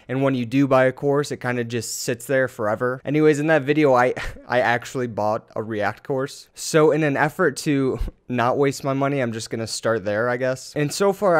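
A man's voice: medium pitch, clean tone. A young man chatting casually in a vlog, candid with dry jokes. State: raspy morning voice. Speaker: vlogger.

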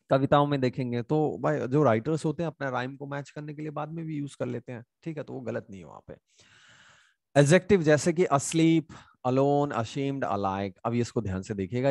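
A man's voice: medium pitch, gravelly, darkish tone, no echo. A man with an Indian English accent teaching grammar in Hindi, reading English examples aloud. He keeps asking questions and answering them himself, with frequent hesitations. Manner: many hesitation sounds and restarts. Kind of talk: online grammar lesson.

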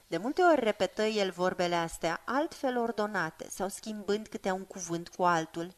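A woman narrating a fantasy audiobook in a measured, expressive reading voice. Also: medium pitch.

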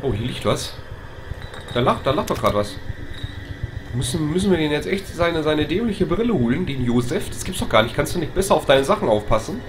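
A man doing let's play commentary on a horror game, excitable, often shouting, swearing and stammering when things get tense. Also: on the high side, brisk, background noise.

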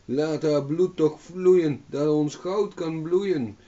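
A man's voice: mid-range voice, a little slow, dark tone, lightly acted. Man doing a bold young farmhand. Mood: gleeful chanting. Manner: gleeful chanting, stern commands. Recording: dull distant recording.

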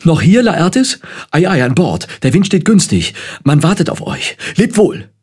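A man reading a children's audiobook, voicing an older father and royal adviser who is agitated and scolding, with a husky voice. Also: fairly high pitch, big pitch swings, a little slow, a little mellow, voice pushed up, exaggerated voice. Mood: hasty. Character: fussy, stern old father and royal adviser.

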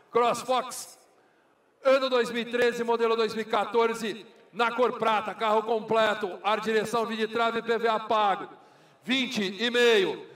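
A man's voice: high voice, fairly bright tone. A Brazilian man working as a car auctioneer, calling bids in a repetitive, formulaic chant. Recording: echoey hall, far from microphone.

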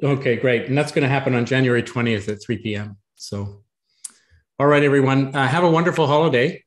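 A man's voice: medium pitch, a little fast. A man hosting a talk series on a video call, giving friendly, slightly rambling closing remarks. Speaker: host, moderator. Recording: echoey room.

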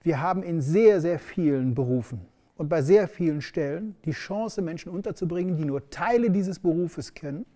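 A middle-aged man explains a topic to camera from a bright studio backdrop, his voice sitting a touch high yet mellow and warm in tone. He speaks in a measured, explanatory way, leaning on the key words. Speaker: education expert presenting.

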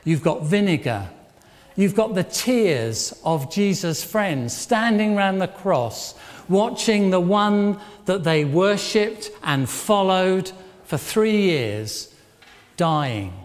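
Speaking very slowly with a medium pitch that swoops wildly, an older church leader runs an interactive talk at an all-age service. He asks the congregation questions and approvingly echoes what they say. Faint background noise sits under the hall's echo.

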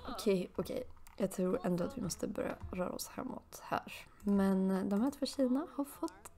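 A gaming video creator chats loosely through her let's play, her voice marked by a gravelly fry. Soft asides give way to sudden, excited high bursts.

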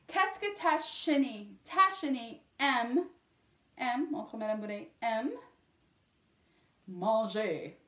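A woman teaching young children a French lesson, sounding out letters and syllables slowly and clearly and slipping into English now and then. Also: fairly high pitch. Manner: sings a short vowel song. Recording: echoey room.

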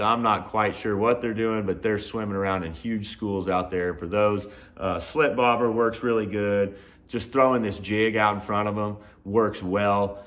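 A man in his thirties giving a casual fishing report to camera from a garage workshop, relaxed, with frequent "uh" and "you know" fillers. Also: lowish voice. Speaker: fishing guide and host. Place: indoor garage workshop with tackle shelves.

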